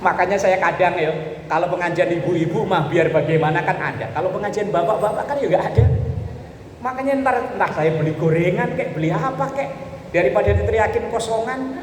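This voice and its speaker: A man with a high, brisk voice and a Javanese Indonesian accent gives an informal Islamic sermon to a women's study group. The preacher is conversational and colloquial, explaining points through repetition, in an echoey, reverberant hall with faint background noise.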